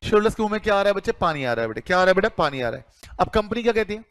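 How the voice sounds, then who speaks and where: A man's voice: high voice, sing-song, rapid-fire, fairly bright tone, no room sound. A man teaching accounting to a class, calling students "beta" and asking then answering his own questions. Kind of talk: classroom lecture.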